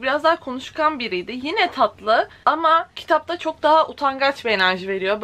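Bright, chatty young woman book vlogger. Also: high-pitched. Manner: chatty, excited, reads quotes aloud dramatically. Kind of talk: casual reading vlog.

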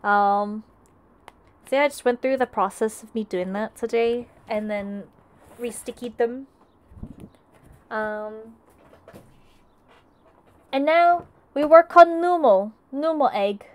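Girl streaming crafts, kinda high voice, talks slow and chatty to chat. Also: smooth. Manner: chatty, greets and answers chat, frequent restarts. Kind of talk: casual live-stream chat while crafting.

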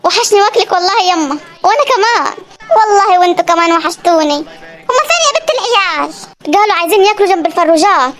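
A woman with an Upper Egyptian accent voicing bickering family members in a comedy cartoon, lively and exclamatory. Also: very high-pitched, racing. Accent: Upper Egyptian Arabic.

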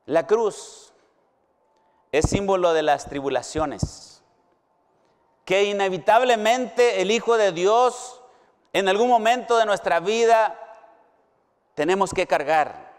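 A middle-aged man with a Mexican Spanish accent preaching a sermon as a pastor, slow and emphatic, with dramatic pauses and big swings from loud to hushed. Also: high voice, expressive, smooth. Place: university hall or chapel. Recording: long hall reverb.

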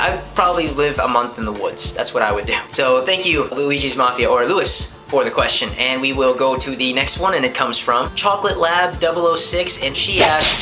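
A young man from New Hampshire chatting casually at home, answering viewer questions and rambling as he talks with his hands. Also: on the high side. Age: young adult. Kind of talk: casual vlog chat. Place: living room at home, indoors.

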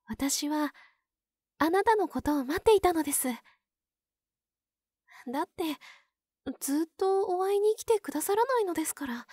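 A woman voicing a pure young nun who is sweetly possessive and obsessive, in a soft, polite ASMR role-play. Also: extremely high pitch, lively intonation, dry recording, clean studio sound. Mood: wistful, shy. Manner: polite, soft, demure, lingering pauses.

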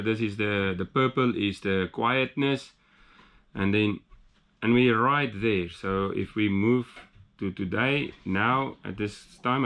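Man, sailing vlogger, slow and easygoing, a little tired, handheld camera on deck. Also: fairly low pitch. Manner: relaxed, laughing, stop-start. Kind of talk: casual chat to camera. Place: on a sailing catamaran at sea.

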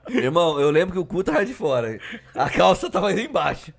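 Brief: young guy, somewhat high voice, lively storyteller who acts out every quote. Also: moderate pace, vocal fry. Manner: animated, acts out quotes, laughs often. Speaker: podcast cast member. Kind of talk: casual storytelling chat.

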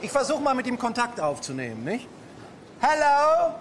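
An excitable, clueless cruise passenger, played by a male comedian, full of eager exclamations. His voice is strikingly high, with faint stage noise around it. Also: moderate pace, exaggerated voice. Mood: excited.

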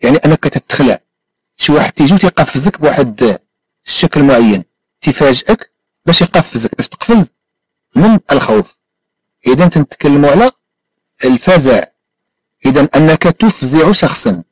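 Moroccan male teacher, animated intonation, drills phrases slowly. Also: fairly high pitch, husky, no echo, low-quality recording. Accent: Moroccan Arabic. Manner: slow careful repetition of English phrases. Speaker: language teacher. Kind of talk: bilingual English lesson.

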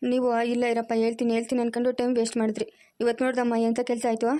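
A woman voicing an upset, reproachful grown son in a lowered voice, with a rural Chikkaballapur Kannada accent. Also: completely flat delivery, racing, mellow, close to an everyday voice.

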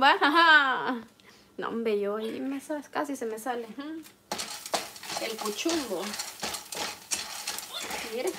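Salvadoran woman, high voice, chatty home cook, pot clatter behind. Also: slight background noise. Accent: Salvadoran Spanish. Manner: homely, talkative, addresses viewers warmly as "usted". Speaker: cooking vlogger. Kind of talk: chatty live cooking stream. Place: home kitchen. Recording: clatter of pots and utensils.

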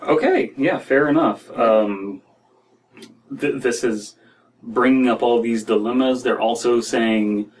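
In a small room at home, a young American man talks slowly in a mid-range voice while hosting a podcast about stories. His commentary wanders, peppered with "like" and "you know." Room noise comes through from the distant mic.

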